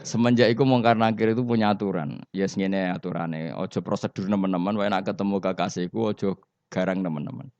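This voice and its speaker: A man's voice: low-pitched, a little fast, no echo. A man with a Javanese accent giving a sermon, telling stories and putting questions to the audience. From Indonesia. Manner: lively storyteller, mixing Javanese and Indonesian, asking the audience questions. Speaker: Islamic preacher. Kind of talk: sermon storytelling. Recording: dull, muffled dry recording.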